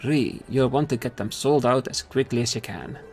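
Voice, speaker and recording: A man's voice: medium pitch, brisk, darkish tone, faint music behind, natural voice. A man voicing a brusque middle-aged market trader with a put-on Scottish accent, giving blunt instructions sprinkled with dialect words. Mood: brisk.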